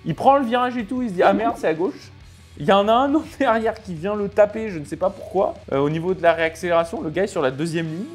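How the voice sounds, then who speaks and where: A man giving casual, expressive commentary over racing game clips. He talks in halting bursts with many fillers and reacts aloud to the crashes. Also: high voice, faint music behind. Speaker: sim racing video creator.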